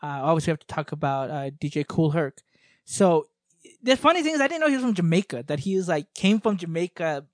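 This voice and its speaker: A man's voice: on the high side, sing-song, fast, no room sound, studio quality. A man in casual chat, explaining at length with many restarts and fillers.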